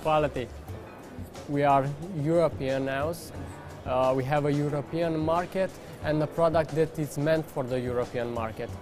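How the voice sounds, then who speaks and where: A man speaking for his company in an interview, halting between phrases. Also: on the high side, fairly even intonation, over music. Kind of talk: interview answers.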